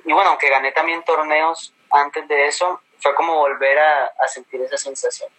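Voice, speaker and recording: Bright-voiced man, mild coastal Colombian accent. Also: a little high, fairly even intonation, normal speed, rough recording. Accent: neutral coastal Colombian with a touch of inland. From Colombia, Caribbean coast. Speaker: interview guest. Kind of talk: casual conversational storytelling.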